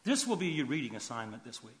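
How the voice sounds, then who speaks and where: A man preaching a sermon in an animated way, swinging from loud emphasis to quiet asides. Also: medium pitch, quick pace. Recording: long hall reverb.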